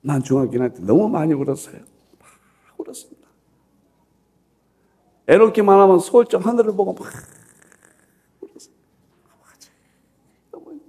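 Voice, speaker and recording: A middle-aged male pastor preaching a sermon and telling a personal story with strong emotion, swinging from loud exclaiming to hushed whispers. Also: high-pitched, sing-song, brisk, pauses often. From South Korea. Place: church dawn service.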